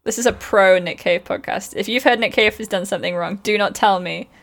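A woman's voice: medium pitch, brisk, vocal fry, a bit bright. A woman from Wales hosting a podcast, chatting casually and joking with friends. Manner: chatty, jokey, laughs often. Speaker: podcast host. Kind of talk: casual group chat.

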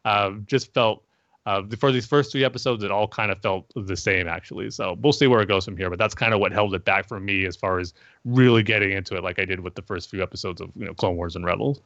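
A man on a casual podcast, giving a measured review with lots of hedging and fillers. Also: fairly low pitch, fairly bright tone, no echo. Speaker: podcast co-host. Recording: dull lo-fi dry sound.

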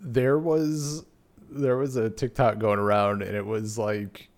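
A man's voice: on the low side, little pitch movement, slow pace, darkish tone. A man with an Upper Midwest accent hosting a casual podcast chat, rambling with lots of fillers. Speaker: podcast host.

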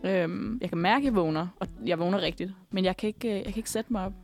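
A young woman telling a personal story in a casual chat, animated and full of fillers. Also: medium pitch, vocal fry, soft background music.

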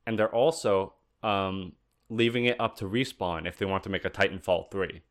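A man's voice: sits low, steady tone, normal speed. A man co-hosting a casual gaming podcast, who stumbles over words and laughs easily. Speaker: podcast co-host.

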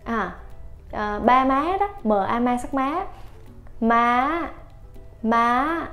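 A woman teaching a vocabulary lesson, a little hoarse from a coming cold, repeating each word several times. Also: a little high, expressive, slow, faint music behind. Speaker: Thai language teacher. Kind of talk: slow, patient vocabulary lesson.

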